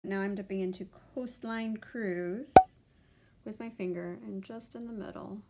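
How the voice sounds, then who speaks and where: A woman's voice: medium pitch, fairly even intonation, measured pace, a little mellow, slight background noise. A young adult woman narrating a makeup tutorial, chatty as she talks through each step of her look. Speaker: beauty vlogger.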